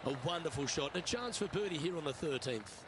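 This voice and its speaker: A man calls each golf shot in brisk, upbeat bursts, his voice sitting a little high. It is scripted play-by-play for a golf game. Steady outdoor course ambience runs underneath. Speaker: lead golf commentator. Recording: commentary over outdoor course noise.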